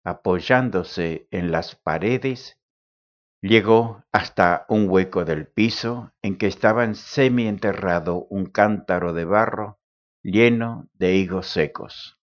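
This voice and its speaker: A man narrating an audiobook in a measured, deliberate way. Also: deep voice. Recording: dull lo-fi recording.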